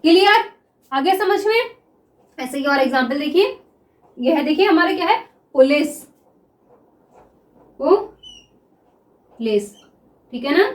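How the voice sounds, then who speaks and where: A woman teacher explaining shorthand examples step by step, saying words slowly as she writes them and often checking whether students follow. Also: sits high, lively intonation, echoey room. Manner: repeats words slowly while writing, asks 'clear?' often. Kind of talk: classroom lesson explaining examples.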